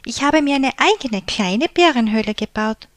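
A woman voicing a small, eager young bear cub in a storybook, with high, bright, childlike calls. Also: lively intonation, moderate pace, dry recording, close to an everyday voice. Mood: eager pleading.

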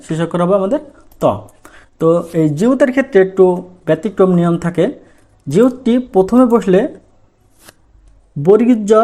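A man's voice: high voice, warm tone. A male language teacher giving a lesson, asking questions and answering them himself. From Bangladesh. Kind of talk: lesson in Bengali.

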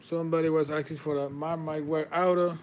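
A Spanish-speaking man hosts a live trading card break from an indoor table covered with card boxes, naming players and congratulating viewers in slightly non-native English. His voice is fairly high, fairly quick, and barely moves in pitch.

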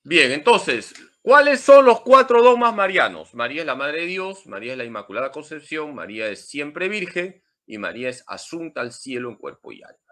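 Lively bright-voiced priest. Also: male voice, on the high side, normal speed, few pauses. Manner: emphatic, lively teaching with humor. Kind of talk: Marian catechesis talk.

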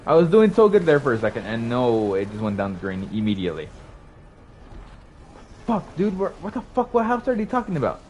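Excitable swearing young male streamer. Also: mid-range voice, brisk, slight background noise. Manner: excitable, swearing, panicked outbursts. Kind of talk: live gameplay commentary.

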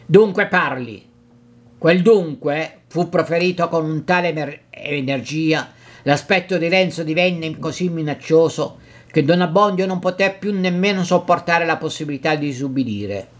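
A man narrating a classic novel in a measured reading, with occasional slips and restarts. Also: on the high side.

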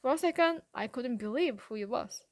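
A woman narrating a novel in the first person as an audiobook reader, with measured storytelling. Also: on the high side, expressive.

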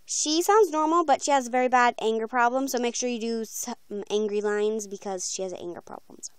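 Her voice sits a little high and runs a little fast, sounding clear and resonant with no echo. She's a young video creator in her small bedroom, phone in hand and close, casually rambling through an announcement about voice auditions.

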